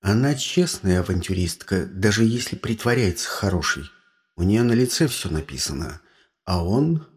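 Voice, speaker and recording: A man doing a slow, muttering gloomy young man. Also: low-pitched, lively intonation, husky, voice pushed down. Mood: brooding.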